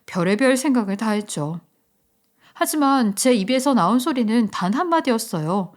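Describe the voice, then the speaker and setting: A woman reading a story as the narrator, in a soft, confiding way. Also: fairly high pitch, animated, moderate pace.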